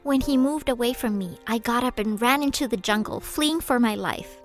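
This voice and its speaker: Woman interpreter voice-over, steady. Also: fairly high pitch, normal speed, faint music behind. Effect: interpreter voice-over speaking in first person. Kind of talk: translated first-person testimony from a video.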